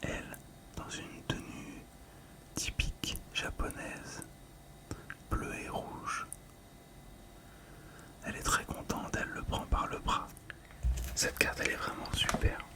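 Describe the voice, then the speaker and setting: A man who makes ASMR videos describes things gently in a breathy whisper, moving slowly and pausing a little uncertainly.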